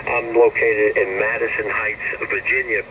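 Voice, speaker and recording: A man's voice: on the low side, level tone, unhurried, very noisy. A man, an amateur radio operator, introducing himself with phonetic spelling over a radio transmission.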